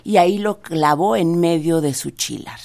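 A woman with a Mexican accent telling a folk tale in a lively, expressive way with dramatic pauses. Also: on the low side, vocal fry. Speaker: storyteller.

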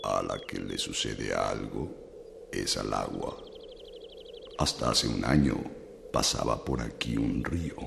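A man playing an ancient, dying talking pine tree in a children's audio drama, ponderous and gravelly. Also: takes it slowly, pauses often, noisy background, exaggerated voice. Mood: mournful, weary. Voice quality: deep, gravelly.

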